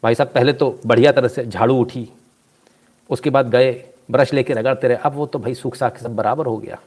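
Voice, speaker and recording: A man giving casual live commentary, reading out viewer comments and telling anecdotes in an animated, scolding manner. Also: medium pitch, normal speed.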